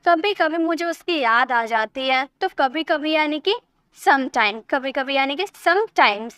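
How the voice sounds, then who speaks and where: High-voiced woman teaching vocabulary. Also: lively intonation, takes it slowly, a bit bright, no echo. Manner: patient, explains with everyday example sentences. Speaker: English teacher. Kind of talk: vocabulary lesson.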